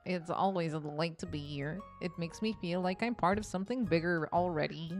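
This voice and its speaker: A woman's voice: fairly low pitch, brisk, soft background music, natural voice. A woman voicing a nerdy, eager young man who dreams of being a hero, talking earnestly and a little formally. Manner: earnest, wide-eyed and formal.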